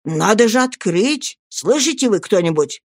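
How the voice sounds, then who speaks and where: A woman voicing a boastful, flustered elderly male servant in a storybook reading, speaking lower than her own voice, fussy and self-important. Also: big pitch swings, unhurried, no room sound. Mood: nervous.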